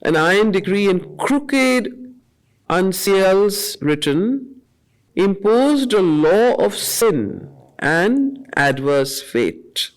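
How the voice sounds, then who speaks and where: Facilitating a study circle, a woman reads a poem in short, measured phrases separated by pauses, adding explanation along the way. Her medium-pitched voice swings widely in pitch, and the audio is poor.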